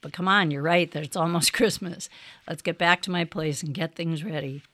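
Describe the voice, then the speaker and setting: A woman voicing a kindly old Santa Claus in a storybook read-aloud, speaking with warm, patient gentleness. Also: low-pitched, unhurried, no room sound.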